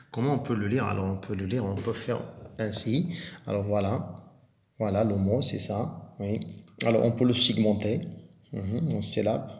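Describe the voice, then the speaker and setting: A man's voice: lowish voice, creaky, echoey room. A man with a Moroccan French accent, teaching a primary reading lesson, patiently sounding out and repeating words. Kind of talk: slow, clearly articulated reading lesson.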